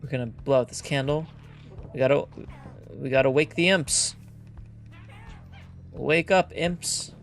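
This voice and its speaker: A man's voice: medium pitch, unhurried, long pauses. A man hosting a let's play, musing aloud casually and reading game text as he plays. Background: faint game music.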